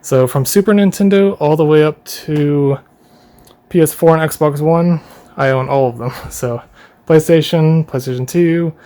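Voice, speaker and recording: A man's voice: on the high side, unhurried. Casual young man touring his bedroom. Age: young adult. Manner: relaxed and rambling, with fillers and light laughs. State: running out of breath. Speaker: YouTuber giving a room tour. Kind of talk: casual room tour vlog.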